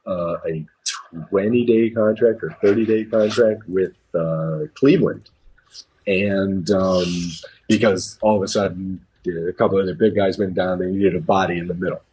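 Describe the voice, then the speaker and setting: An American man from New England talks casually about basketball in a deep, dark voice, sharing strong opinions and repeating phrases for emphasis. The recording is low quality with slight background noise.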